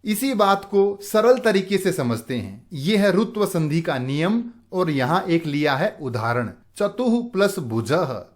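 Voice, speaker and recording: A man's voice: high-pitched, sing-song, a little slow, hardly any pauses. A male teacher giving a grammar lesson, asking questions and answering them himself.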